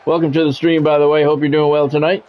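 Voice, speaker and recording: This American guy's voice runs on the high side, flat and fast, as he gives live play-by-play of a football video game. His calls come in short, clipped, radio-style sportscaster phrases mixed with casual chat to his stream audience, all through a dull lo-fi mic with music behind him.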